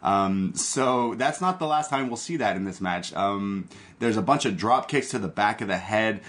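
A man with a fairly low voice hosts a wrestling talk show. He commentates casually, walking through the action move by move with a fan's enthusiasm. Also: expressive, normal speed, fairly bright tone. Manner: enthusiastic fan-like play-by-play retelling. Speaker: podcast host recapping wrestling.

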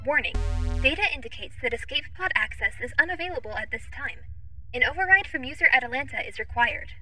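A woman voicing a polite, literal-minded female AI ship assistant who speaks in too-smooth, even, formal phrases. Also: high-pitched, quick pace, faint music behind, exaggerated voice, low-quality recording. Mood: formal, informative. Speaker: ship's AI assistant. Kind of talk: audio drama acting.

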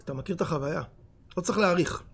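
A rabbi teaching a Torah lesson with a high-pitched voice edged with gravel. He talks with animated emphasis and keeps turning to his listeners with questions. The delivery is lively and direct, aimed at a room full of people. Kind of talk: Torah lesson to a live audience.

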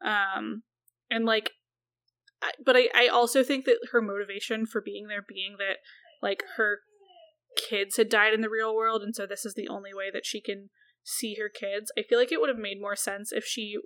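A woman's voice: mid-range voice, level tone, normal speed, a bit bright. A woman co-hosting a casual podcast chat about a film, chatty and swearing freely, with lots of "like". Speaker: podcast co-host.

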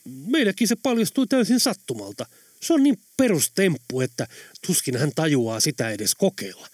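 A man doing an excitable, insistent man. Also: a little high, dry recording, studio quality, voice pushed up. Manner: emphatic, loud.

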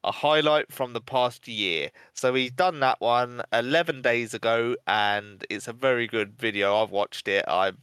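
A man co-hosting a gaming podcast, telling stories in a lively, casual way and swearing freely. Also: mid-range voice, a little slow, hardly any pauses, smooth, no room sound. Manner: animated storytelling, swears and laughs often. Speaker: podcast co-host.

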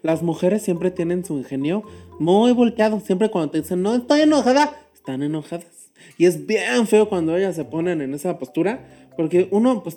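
A man's voice: high voice, warm tone. A man playing a psychologist in a comic sketch, giving advice and coaxing the other man on. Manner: advising, coaxing, eggs the other on.

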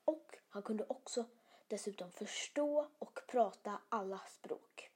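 A woman telling an improvised bedtime story in a soft, often whispered voice, casual and hesitant with many fillers and restarts. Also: mid-range voice, slightly rough.

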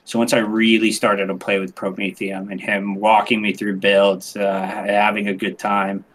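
A man chatting casually as a podcast guest, animated and excitable, often restarting his sentences. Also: lowish voice, moderate pace, a little hiss or hum. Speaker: podcast guest, game streamer. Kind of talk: casual interview chat.

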